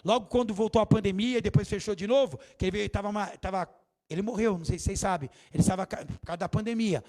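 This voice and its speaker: A man preaching a sermon as bishop in a church, lively and theatrical. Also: sits high, rapid-fire. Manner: animated, theatrical preaching with acted quotes.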